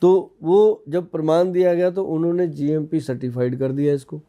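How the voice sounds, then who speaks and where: A man's voice: on the high side, fairly even intonation, normal speed, mellow, lo-fi sound. A man from India in his fifties, an Ayurvedic expert on a podcast, explaining in a folksy way with personal anecdotes. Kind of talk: casual podcast interview.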